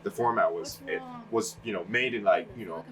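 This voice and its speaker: Relaxed but brisk, a young man from Hong Kong, a filmmaker being interviewed, chats in a lowish voice, wandering through his answers with plenty of "like" and "you know." He's recorded from a distance, background music runs beneath him, and a crowd can be heard behind.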